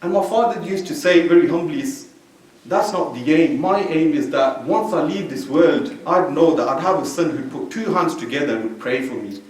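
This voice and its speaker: A man's voice: a little high, expressive, moderate pace, far from the mic. A man in his thirties from Belgium giving an informal sermon at a mosque, talking conversationally with lots of "you know" fillers. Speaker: religious speaker. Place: mosque hall, indoors. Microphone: stand mic at a distance. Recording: very echoey hall, voice from off-mic.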